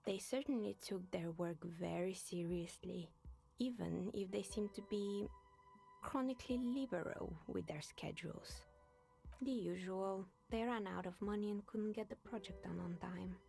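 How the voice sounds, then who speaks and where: A sardonic older woman in a video game, recalling old acquaintances in a gravelly half-whisper. Her pitch sits in the middle for a woman. Faint music plays underneath her lines. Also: measured pace, mellow. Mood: dry. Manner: dry, sardonic storytelling. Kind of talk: voiced game dialogue.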